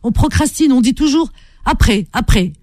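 A woman's voice: sits high, expressive, moderate pace, a little mellow, dry recording, studio quality. A woman hosting a call-in radio show, chatting with callers in a playful, affectionate, teasing way.

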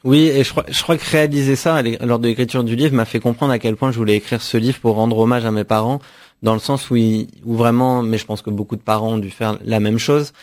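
A man's voice: mid-range voice, steady tone, fast, darkish tone. Thoughtful young man, hesitant restarts. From France. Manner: thoughtful, frequent restarts and repeated words. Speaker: author guest. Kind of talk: reflective radio interview answers.

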